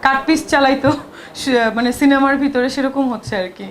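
A woman actress with a fairly high voice answers press questions between takes. Her throat is sore, but she talks on in a chatty, defensive way with quick asides. A faint noise of the shooting location sits behind her. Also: fairly even intonation. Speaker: film actress.

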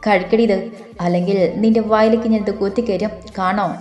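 A domineering young male boss barks orders and mocks his employee, voiced by a woman narrating the story. The delivery is mellow and warm in tone, with a roomy echo and faint music beneath. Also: medium pitch, steady tone, fast talker, close to an everyday voice. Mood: bossy. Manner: commanding, mocking.

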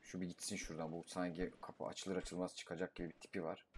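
A young man giving casual gameplay commentary, talking to himself, swearing and breaking into excited outbursts. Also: sits low, fast talker, slight background noise. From Turkey. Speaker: gaming YouTuber.

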